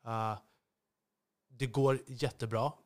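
A man talks through a solo podcast episode with real intensity, and his delivery can turn biting. He hesitates and restarts often, filling gaps with drawn-out "eh" sounds. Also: medium pitch, steady tone. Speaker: podcast host.

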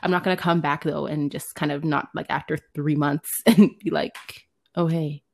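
A woman's voice: deep voice, fairly even intonation, a little fast, creaky. A young woman who is a student, co-hosting a podcast in casual chat, joking and teasing. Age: young adult. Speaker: podcast co-host.

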